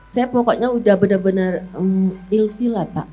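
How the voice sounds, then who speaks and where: A woman's voice: medium pitch, moderate pace, muffled recording, faint music behind. A woman telling her personal church testimony in casual conversation, often addressing the host as "Pak". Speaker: talk show guest.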